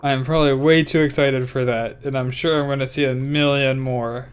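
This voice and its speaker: A man chatting casually over his gameplay as a channel host. He rambles in a relaxed way, leans on "like" fillers and answers viewers' questions as they come up. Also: medium pitch, moderate pace, smooth.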